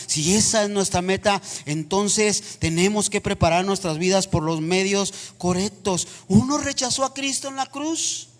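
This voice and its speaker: Male preacher, high voice, impassioned sermon, reverberant church hall. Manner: impassioned preaching that rises to near-shouting.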